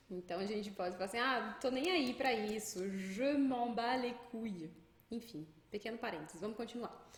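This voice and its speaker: A Brazilian woman and French teacher giving a lively, emphatic pronunciation lesson. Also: fairly high pitch, echoey room. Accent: Brazilian Portuguese.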